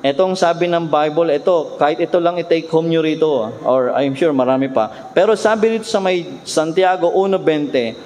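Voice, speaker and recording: A man with a high, light voice preaches from the pulpit in a chatty, conversational way, checking in with his listeners again and again and slowing down when he reads scripture. His voice rings out with a long reverb through a church hall, with a faint hiss of noise underneath. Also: darkish tone. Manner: conversational preaching, asks "di ba?" often, slows for scripture. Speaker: pastor. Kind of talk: sermon.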